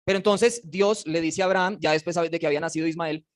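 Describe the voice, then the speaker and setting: A man teaching a casual Bible class, animated and joking, and putting questions to his students. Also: a little high, quick pace. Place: classroom with slides.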